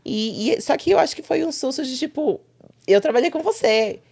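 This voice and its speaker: A young adult woman, a guest in a casual interview, telling stories with lively quoted asides. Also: high-pitched, creaky. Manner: animated storytelling with quick quoted asides.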